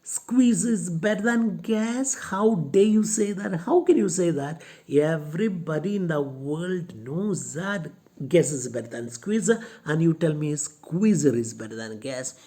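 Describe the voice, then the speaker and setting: A woman's voice: on the low side, animated, measured pace, a little mellow, slightly rough, voice pushed up. A woman voicing a fussy, boastful young male landowner while reading a play aloud for a class. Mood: indignant.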